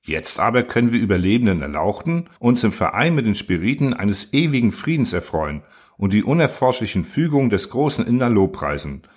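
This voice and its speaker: A man doing indignant old elders, raised and husky. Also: fairly low pitch, very animated, a little fast. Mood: smug. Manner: outraged, raised, accusing.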